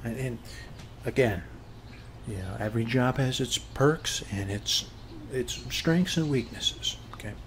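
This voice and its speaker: With a natural, medium-pitched voice and lively intonation, an ASMR performer speaks a little slowly over a faint hiss or hum. He's acting as a talkative suburban neighbor in a casual roleplay, folksy and comforting, checking in often with a quick "okay?"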